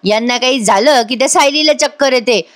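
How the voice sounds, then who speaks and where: A woman putting on a shrill, rude scheming young woman. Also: brisk, fairly bright tone. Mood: mocking.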